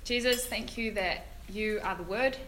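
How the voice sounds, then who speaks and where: A woman leading an informal, halting spoken prayer at a church service. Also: mid-range voice, fairly bright tone, a little hiss or hum.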